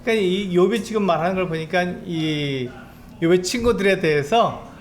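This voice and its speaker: A man's voice: sits high, moderate pace. A male pastor giving a sermon in a conversational, explaining way, lifting his voice when he acts out quoted speech. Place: church sanctuary.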